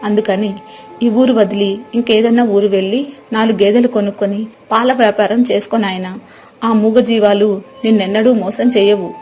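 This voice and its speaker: A woman's voice: medium pitch, steady tone, brisk, a little mellow, soft background music, natural voice. A woman playing a loving old grandmother. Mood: tender, sorrowful. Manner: tender, pleading advice. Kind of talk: storybook cartoon voice acting.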